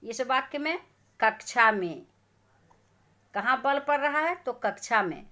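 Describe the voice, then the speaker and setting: A woman's voice: on the high side, lively intonation, slow, sharp tone. A woman teacher giving a grammar lesson to schoolchildren, asking questions and answering them herself.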